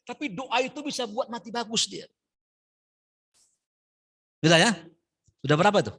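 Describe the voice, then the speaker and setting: A man giving a midday sermon in a mosque. He chants verses in Arabic and explains them in a lively way, swinging from quiet asides to loud stresses. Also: high voice, moderate pace, husky. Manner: lively, shifts from soft asides to loud emphasis; addresses listeners as "Pak". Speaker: preacher.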